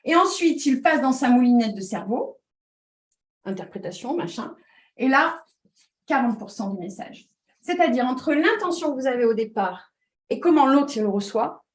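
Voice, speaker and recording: A woman with a slightly high voice explains ideas as a communication trainer. She talks with many fillers and restarts. She keeps checking that her listeners are following. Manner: checks in with listeners with repeated 'd'accord?'; hesitant restarts with frequent fillers. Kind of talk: explanatory talk.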